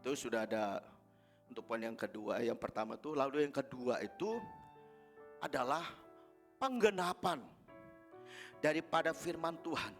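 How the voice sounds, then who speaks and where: Animated male pastor. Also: mid-range voice, normal speed, long pauses, faint music behind. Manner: animated, swinging between loud and hushed. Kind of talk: sermon with storytelling.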